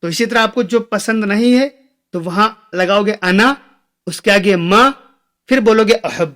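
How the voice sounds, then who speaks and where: A young man with a high voice teaches phrases in a patient lesson. He says each phrase slowly and repeats it several times before he gives its meaning. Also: a bit bright. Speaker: Arabic teacher. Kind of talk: explaining Arabic phrases.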